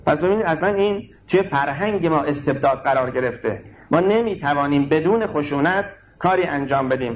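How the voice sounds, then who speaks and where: A man giving a sermon that explains scripture, with emphatic delivery that moves between slow stressed words and quick asides. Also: a little high, slight background noise, low-quality recording. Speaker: religious lecturer.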